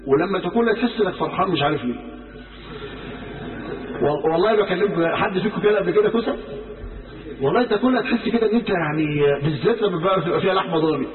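A man with an Egyptian Arabic accent preaching a sermon, telling stories in a lively way and acting out the quoted speech. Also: high-pitched. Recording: roomy hall from far off, phone-like sound.

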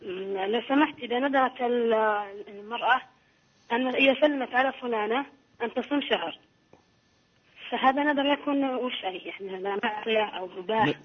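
A woman speaks over the phone, her husky voice muffled by the line. She talks quickly and hesitantly, repeating herself as she asks her question. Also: fairly high pitch. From Saudi Arabia. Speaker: caller.

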